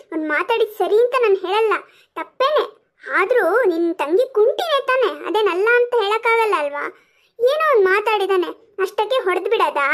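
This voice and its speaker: Woman doing a gentle pleading cartoon mother. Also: very high voice. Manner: soft, pleading.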